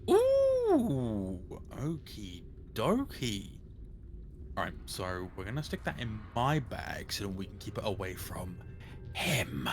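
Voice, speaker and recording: A man's voice: low voice, lively intonation, moderate pace, fairly bright tone, soft background music. A man playing a tabletop game, talking in casual, slangy banter with some swearing.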